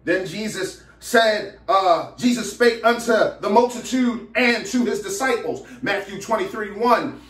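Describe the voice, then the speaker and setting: A man's voice: sits high, unhurried, fairly bright tone, roomy sound, far from the mic. A man preaching a sermon as pastor, often repeating his first words and building rhythmic runs of phrases. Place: church in Philadelphia.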